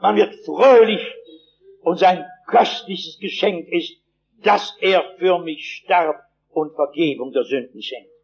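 A man's voice: a little high, slow pace, vocal fry, lo-fi sound. A male preacher delivering a sermon, telling stories vividly and emphatically with dry humor.

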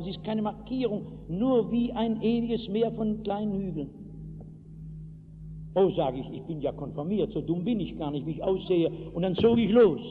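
A man preaching an evangelistic sermon to a hall, telling stories from his own life and breaking into acted shouts. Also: high-pitched. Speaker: pastor. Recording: tinny lo-fi hall recording with hiss.

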